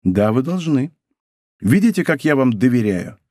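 A man's voice: medium pitch, big pitch swings, normal speed, a little mellow, no echo, clean studio sound. A male reader voicing a cunning, vengeful noblewoman who probes and commands in a tense, scheming way.

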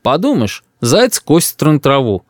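A man's voice: fairly high pitch, big pitch swings, a little slow, dry recording, clean studio sound. A man voicing a sly, indulgent old grandfather who soothes and chides in a mild, mock-stern way. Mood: soothing.

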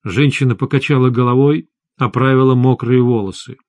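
Calm male audiobook narrator, dry sound. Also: mid-range voice, brisk, no echo. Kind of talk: first-person audiobook narration.

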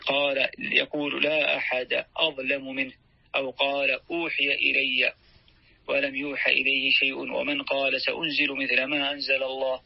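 Male reader of classical text, flat gravelly delivery, dry muffled recording. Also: mid-range voice, normal speed, dry recording. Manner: even, steady recitation of the text. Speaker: student reading the text aloud. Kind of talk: reading a classical tafsir text aloud.

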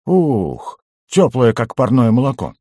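A man's voice: mid-range voice, wildly swooping pitch, a little slow, mellow, slightly rough, no room sound, studio quality, voice pushed up, full character voice. Field: warrior. Figure: a man doing a cheerful teasing warrior. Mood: good-natured. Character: good-natured grown male warrior.

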